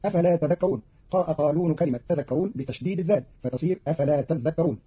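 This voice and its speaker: A man reading a formal, scripted explanation of recitation variants as a radio announcer, in a brisk, even delivery. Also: a little high, breathy edge. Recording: dull lo-fi radio archive recording.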